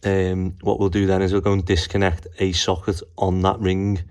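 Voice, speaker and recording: A man's voice: sits low, level tone, moderate pace, a little mellow, dry recording. A man filming himself on a phone while fixing plumbing and wiring, chatting through each step. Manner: chatty, explains as he works, says "obviously" often. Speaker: tradesman filming his call-outs. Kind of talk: casual explaining while working. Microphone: handheld phone.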